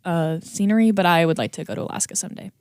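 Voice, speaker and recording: A woman's voice: lowish voice, fast talker, a little mellow, no echo, clean studio sound. Giggly young woman chatting on a podcast. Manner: giggly, chatty, trails off mid-sentence. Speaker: podcast guest. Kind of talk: casual chat.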